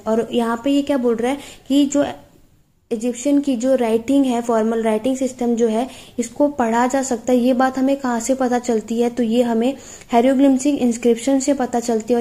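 A young woman teaching an exam-prep class, with a fairly high voice and a soft, mellow tone. She reads English passages aloud slowly and then explains each one patiently. She checks in with her students again and again. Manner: explains patiently, often checking with "theek hai".

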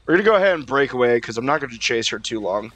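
A man's voice: medium pitch, big pitch swings, rapid-fire, a bit bright. A young man casually commenting on his own gameplay, swearing and talking to himself as he plays. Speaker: gaming YouTuber.

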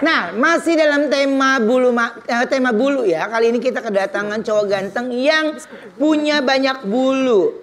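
A woman's voice: sits high, normal speed, noisy background. A woman hosting a comedic variety show, bantering and teasing her co-hosts and introducing a guest. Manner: teasing, playful. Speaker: host. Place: large TV studio with audience. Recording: loud music and studio crowd behind.

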